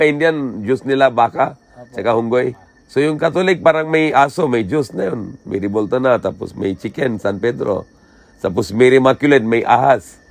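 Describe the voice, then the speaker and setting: A man's voice: medium pitch, vocal fry. A man giving a religious lecture in simple, broken phrasing, asking rhetorical questions and checking in with "di ba?". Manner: rhetorical questions answered himself.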